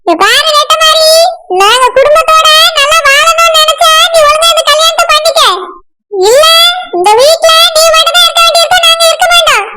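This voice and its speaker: A woman plays a stern, controlling village mother in a cartoon, scolding in a Kanyakumari accent. The voice is pitched extremely high and squeaky. Heavy noise runs under the recording. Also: brisk. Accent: Kanyakumari Tamil. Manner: scolding, commanding. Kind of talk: cartoon voice acting.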